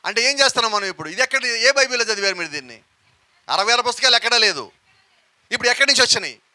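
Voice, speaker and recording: Bright, high-voiced preaching man. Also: animated, rapid-fire. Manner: preaching with questions to the congregation. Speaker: pastor. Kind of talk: sermon.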